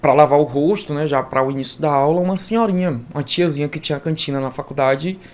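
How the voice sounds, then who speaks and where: A man who is a podcast guest, telling his own story in an animated way, full of asides and tag questions. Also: a little high, fast. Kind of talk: personal storytelling in an interview.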